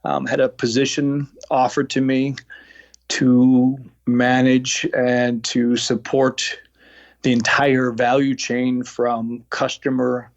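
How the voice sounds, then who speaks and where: A man from New York with a faint New York accent, a lean coach talking as a podcast guest in a halting way, full of fillers and restarts. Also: medium pitch, monotone, no room sound, dull audio. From New York, United States. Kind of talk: casual interview talk.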